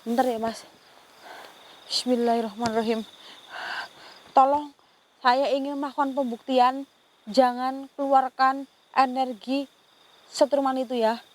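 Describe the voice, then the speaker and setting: High-voiced woman ghost-hunting on camera. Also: fairly even intonation, unhurried, pauses often, slight background noise. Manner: earnest, often stops to pray and exclaim in alarm; frequently addresses a companion directly. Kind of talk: on-location paranormal commentary.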